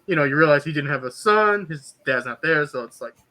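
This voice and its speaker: Bright-voiced man in a friends' chat. Slightly high, animated, acts out quotes. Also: brisk. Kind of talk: casual group chat.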